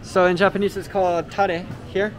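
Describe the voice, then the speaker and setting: Here a vlog host with a fairly high voice moves at a moderate pace through a big indoor supermarket, talking casually about the products he passes. Relaxed and explanatory, he says "uh" a lot. Noise from the store comes through his handheld camera mic as he walks.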